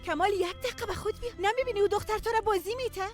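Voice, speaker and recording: A woman's voice: very high-pitched, faint music behind. An actress dubbing an exasperated young woman who pleads urgently with a man. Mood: pleading.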